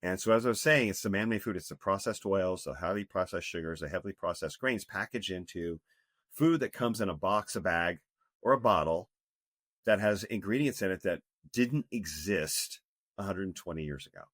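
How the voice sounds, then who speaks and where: This studio-quality, echo-free clip features a fifties-aged health coach being interviewed on a podcast. He talks earnestly and with emphasis in a low, fairly bright voice at normal speed, frequently starting over mid-thought.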